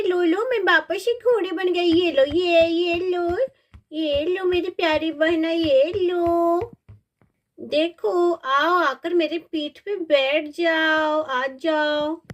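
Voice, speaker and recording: A woman voicing a kind young boy in a doll story, gently coaxing his baby sister. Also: high-pitched. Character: kind young boy, playful big brother.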